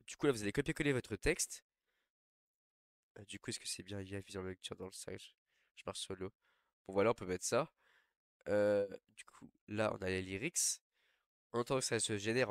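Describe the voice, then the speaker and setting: A young man with a lowish voice, stuffy from a cold, hosts a casual screen tutorial. He sounds relaxed and rambles with lots of fillers. The recording is studio quality with no room sound.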